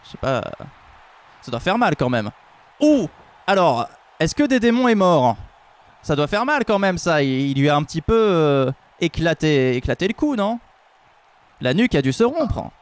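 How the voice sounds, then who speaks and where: A man's voice: on the high side, moderate pace. A man hosting a live stream and commentating fights with jokey, mock-serious banter. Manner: jokey, mock-serious, rises into excited calls. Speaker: host and commentator.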